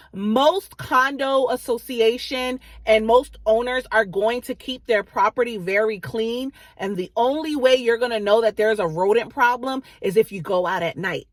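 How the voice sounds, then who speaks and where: A woman real estate agent speaks informally to her viewers, explaining advice conversationally and often checking they follow with "right?" and "okay?". Her voice is fairly high and a bit bright, recorded with no echo.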